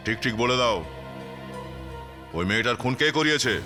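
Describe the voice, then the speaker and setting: An actor playing a stern, probing detective in an Indian TV crime drama. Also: male voice, mid-range voice, moderate pace, music in the background, lightly acted. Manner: probing, insistent. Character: stern male police detective pressing suspects.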